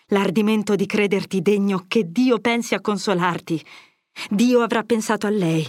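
A woman's voice: lowish voice, dry recording, studio quality, lightly acted. A woman reading an audiobook, voicing a grave elderly male friar whose solemn words turn to severe rebuke. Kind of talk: audiobook character voice.

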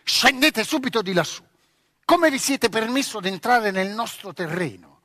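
A man's voice: high voice, sing-song, normal speed, a bit bright, no room sound, clean studio sound, big-room sound, exaggerated voice. A man reading aloud voices a haughty young noble girl who teases and bosses. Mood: imperious. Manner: teasing, imperious.

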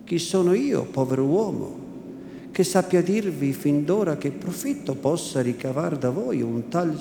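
A man voicing a solemn, humble bishop who speaks calmly and deliberately, as a theatrical reading. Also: a little high, gravelly. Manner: solemn, calm, slow and deliberate. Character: solemn elderly male bishop, gentle and humble. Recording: echoey room with background noise.

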